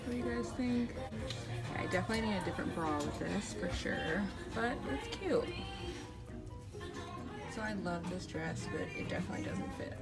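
A woman's voice: lowish voice, lively intonation, moderate pace, gravelly, long pauses, over loud music. A young woman chatting casually into a handheld phone in a store fitting room, gushing about clothes and dropping plenty of "like"s. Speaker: vlogger. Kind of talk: casual shopping vlog. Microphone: phone held in hand.

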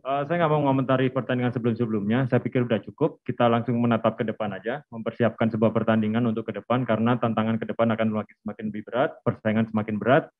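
Fast-talking male football coach, phone-like sound. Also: medium pitch, flat delivery. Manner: halting, many filler "eh" pauses and repeated phrases. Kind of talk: post-match press conference answers. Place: press conference room.

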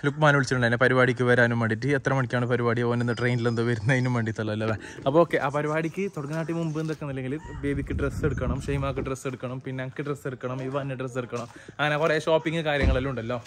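Talking very fast over a noisy background, a family vlogger keeps his mid-range voice at a steady tone. He chats casually from home and the family car, frequently stopping to call out to his kids.

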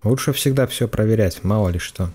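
A man's voice: on the low side, fairly quick, dark tone, slightly rough. A man giving game walkthrough commentary in short, understated, matter-of-fact remarks. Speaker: gameplay video commentator. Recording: game noise and gunfire behind. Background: game gunfire and clicks.

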